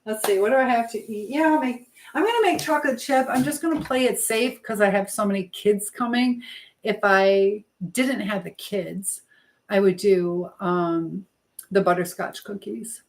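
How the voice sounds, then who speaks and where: A medium-pitched woman from the United States talks at a normal pace as she cooks on a livestream. She casually chats with her viewers from her home kitchen, reading their comments aloud and responding to them.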